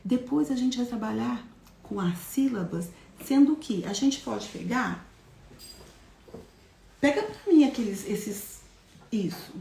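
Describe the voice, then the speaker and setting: A woman teaches in a live talk, breaking ideas into small steps and turning to the audience with questions. Her voice sits a little high. The sound is roomy and echoey. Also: slow, vocal fry, pauses often, slight background noise. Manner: explains step by step, often asks the audience questions; demonstrates syllables in a lively, childlike classroom voice. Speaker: educator giving a live talk on literacy.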